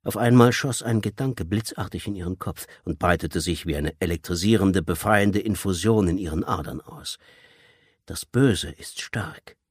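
A man narrating an audiobook in a measured, tense storytelling manner. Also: deep voice, husky, no room sound, clean studio sound. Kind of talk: scripted narration.

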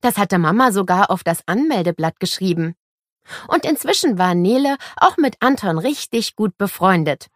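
A woman narrating a children's story in a lively, expressive way. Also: medium pitch, moderate pace, dry recording, studio quality. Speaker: audiobook narrator.

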